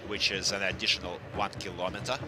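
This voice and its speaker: A man giving live sports commentary on a tank competition in formal, halting English. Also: low voice, level tone, noisy background.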